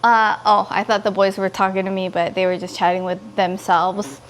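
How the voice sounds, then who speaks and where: A woman from California in her thirties chatting casually to her vlog viewers in an expressive, gushing way. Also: medium pitch, moderate pace, slight background noise. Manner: expressive, pleading and gushing, quotes others in dialogue. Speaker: vlogger.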